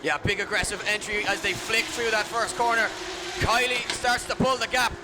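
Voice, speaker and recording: A man commentating live on drift racing as a motorsport commentator, moving between excited calls and analysis. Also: high-pitched, normal speed. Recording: loud engine and vehicle noise outdoors.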